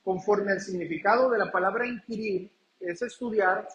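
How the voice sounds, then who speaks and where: A man's voice: high voice, normal speed, fairly bright tone, dull audio. A man from Mexico preaching a sermon, often calling out to the congregation and asking rhetorical questions. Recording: echoey church room.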